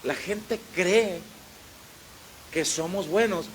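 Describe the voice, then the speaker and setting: A man with a Mexican accent, a pastor preaching a sermon in church, animated and storytelling, swinging between loud and quiet. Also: sits high, drawn-out words, a little hiss or hum, poor audio. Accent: Mexican Spanish.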